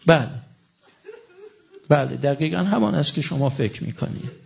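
A middle-aged male preacher delivers a sermon with a fervent, insistent drive, reciting scripture between his own words. His voice sits high and carries a gravelly rasp. The recording is muffled and lo-fi. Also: animated, darkish tone. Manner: impassioned, rising to fervent emphasis, recites scripture in Arabic. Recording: dull lo-fi recording.

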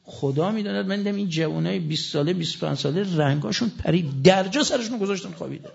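Impassioned middle-aged preacher, high and gravelly. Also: male voice. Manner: impassioned, rising to fervent emphasis, recites scripture in Arabic. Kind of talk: sermon. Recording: dull lo-fi recording.

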